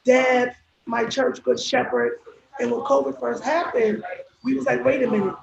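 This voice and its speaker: A woman's voice: on the high side, fairly even intonation, normal speed, creaky. A woman chatting casually on a live stream as a restaurant owner and guest, her speech slightly impeded by braces. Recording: echoey, dull live stream with crowd chatter.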